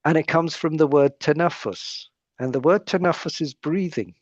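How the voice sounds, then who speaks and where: A British man appears as a psychiatrist guest in an interview, explaining his points thoughtfully and often restarting phrases. His voice is fairly high with a darkish tone at normal speed, and the audio is dull with no room sound.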